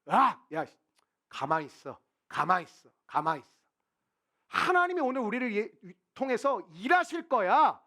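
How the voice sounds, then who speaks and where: A man's voice: high-pitched, sing-song, moderate pace, pushed and bright, exaggerated voice. A preaching man acting out Moses, insistently telling the people to keep still. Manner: insistent, repeating commands. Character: Moses, a leader hushing the people with bravado.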